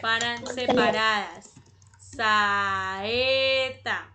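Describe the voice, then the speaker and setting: A woman teaching an online class over a video call, repeating words slowly and clearly. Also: on the high side, steady tone, sharp tone, soft background music. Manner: slow, repeats words syllable by syllable.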